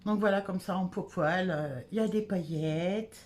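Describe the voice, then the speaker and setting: A woman's voice: fairly low pitch, moderate pace, darkish tone. A woman chatting casually at home through a shopping haul, with lots of hesitations. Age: adult. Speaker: haul vlogger. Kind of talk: casual product haul chat.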